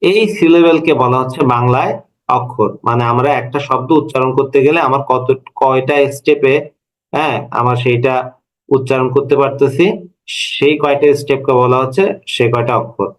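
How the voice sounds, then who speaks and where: A man's voice: medium pitch, fairly even intonation, normal speed, poor audio. A man in his thirties teaching a language lesson to a class, explaining step by step and asking his students questions. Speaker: Bengali language lecturer. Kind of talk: classroom lecture.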